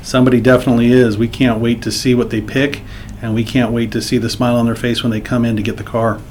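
A man's voice: medium pitch, flat delivery, quick pace, darkish tone, slight background noise. A man speaking as an interview guest for a blood center, sincere and dotted with fillers. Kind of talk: interview talk.

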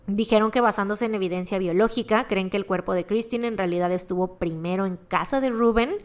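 A woman's voice: mid-range voice, a little fast. A woman with a Mexican accent, casually recounting a true-crime case as a podcast co-host. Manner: chatty, slangy, recounting a case with asides.

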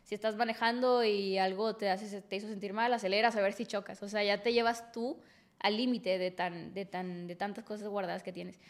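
A woman's voice: mid-range voice, steady tone, normal speed. A woman with a Mexican accent, a podcast guest telling a personal story frankly and emotionally, full of fillers.

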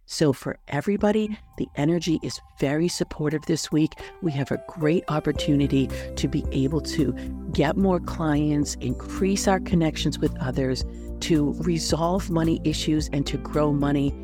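A woman hosting a solo advice podcast in an upbeat, tidy, encouraging manner, like a coach reading prepared tips. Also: low-pitched. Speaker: astrology coach and podcast host.

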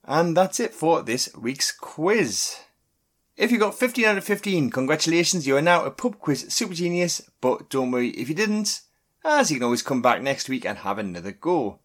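This quiz host on a podcast has a voice on the high side, sing-song and a bit bright. He reads scripted questions and answers slowly and clearly, staying upbeat and encouraging throughout.

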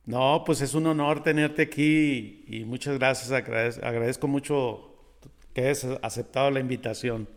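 A man hosting an interview, introducing his guest in a formal, measured way. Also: medium pitch, fairly even intonation, creaky. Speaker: podcast host.

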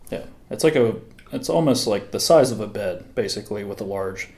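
Laid-back podcast co-host, warm low voice, echoey room. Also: male voice, lively intonation, brisk. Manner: laid-back, laughs and chimes in briefly. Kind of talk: casual chat. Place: small study room.

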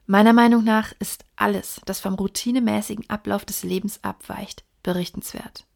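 A woman reading the part of a sharp male detective in an audiobook, in a measured, lecturing way. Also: medium pitch, steady tone, creaky. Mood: reasoning. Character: sharp, precise male detective explaining deductions.

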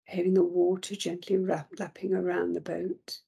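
A woman slowly guiding a relaxation meditation in a soothing voice, often dropping to a whisper. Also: on the low side, level tone, creaky, mellow, slightly rough. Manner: slow, soothing, drifting into whispers.

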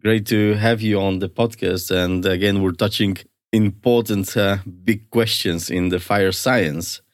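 A man's voice: lowish voice, steady tone, measured pace, no echo, clean studio sound. An upbeat, enthusiastic man speaking as the host of an interview podcast.

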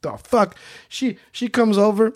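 A man's voice: high voice, a little slow, no echo, studio quality. A man from Queens, New York, hosting a podcast and telling a childhood story in a profane, self-mocking comic way. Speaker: podcast host. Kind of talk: comedic storytelling.

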